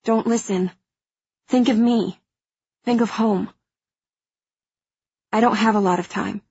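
Husky, determined young woman, dry sound. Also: on the high side, steady tone, slow pace, a little mellow, dry recording, muffled recording, full character voice. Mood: firm, urgent. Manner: urgent, firm, reassuring. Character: fierce, protective young female hacker aboard a spaceship. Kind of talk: dramatized audiobook acting.

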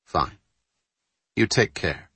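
A man voicing a calm grown man who speaks evenly and reassuringly. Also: extremely slow, no echo. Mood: steady. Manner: even, quiet, reassuring.

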